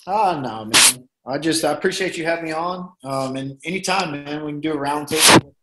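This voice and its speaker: A man's voice: fairly high pitch, fairly quick, very noisy. A man with a Tennessee accent chatting casually as an interview guest, in a laid-back, colloquial way. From Tennessee, United States. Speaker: guest, professional fighter.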